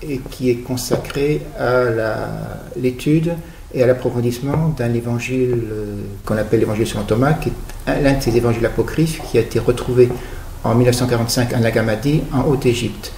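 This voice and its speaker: A middle-aged man from Guadeloupe, an author interviewed on radio, speaking in a measured, explanatory way with occasional hesitations. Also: medium pitch, darkish tone, echoey room, slight background noise. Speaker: author guest.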